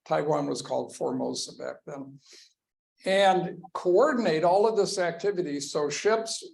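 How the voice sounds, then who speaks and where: Slow, gravelly male history lecturer. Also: fairly high pitch, poor audio. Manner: slow and deliberate, pointing through slides. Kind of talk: classroom lecture. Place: lecture room with a class present.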